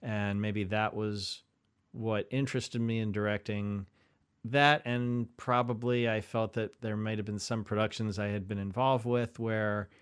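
A man with a low, smooth, resonant voice co-hosting a theater talk show. He speaks in a measured, thoughtful way and slips in dry, wry jokes. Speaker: podcast co-host, community theater director. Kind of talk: casual chat.

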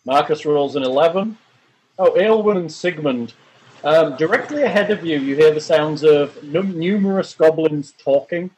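A man running a tabletop game as game master, calmly describing the caves and calling for dice rolls. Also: on the high side, moderate pace, a little hiss or hum, rough recording. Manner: calm, descriptive narration with restarts.

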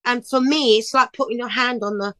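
A woman's voice: a little high, fairly even intonation, fairly quick, pushed and bright, dry recording, low-quality recording. A middle-aged woman, a singer and DJ, chatting in an interview in a chirpy, upbeat way and telling stories with lots of energy. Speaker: singer and DJ guest. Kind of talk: casual interview chat.

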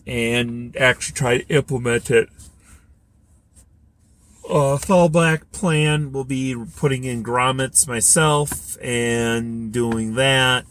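A man hosts his own podcast from inside his car, chatting casually and thinking aloud with plenty of fillers as he drives. His voice is mid-range with a fairly bright tone.

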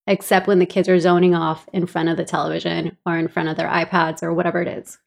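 A woman's voice: on the low side, level tone, fast, vocal fry. A woman from El Salvador co-hosting a podcast in casual chat, explaining things and laughing easily. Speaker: podcast co-host.

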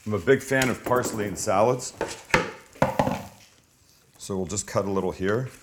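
A man's voice: fairly low pitch, moderate pace. A man talking viewers through a dish like a cooking show host, chatty, informal and opinionated. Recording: clear background noise with kitchen clatter.

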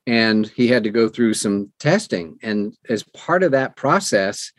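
A middle-aged American man, a podcast guest and audiobook narrator, answers conversationally in an interview, explaining earnestly and emphatically with anecdotes. His voice sits on the low side with lively intonation and an unhurried delivery. The studio recording is clean with no echo.

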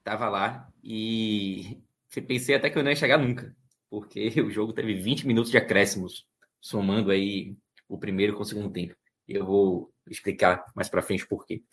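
A man's voice: fairly low pitch, fairly even intonation, normal speed, fairly bright tone. This is a man from Brazil. He breaks down football as a pundit, talking conversationally and critically. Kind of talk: live sports analysis.

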